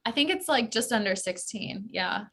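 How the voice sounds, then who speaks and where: American woman, travel-expert guest; casual, filler-heavy chat, bright timbre. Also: fairly high pitch, animated, normal speed. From United States. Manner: chatty, many fillers like "like" and "um".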